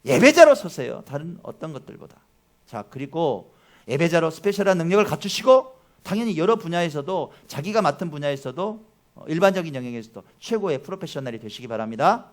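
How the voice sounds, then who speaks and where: Animated high-voiced preaching man. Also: brisk. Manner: emphatic, questions the congregation often; swings between loud declarations and low asides. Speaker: pastor. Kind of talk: sermon.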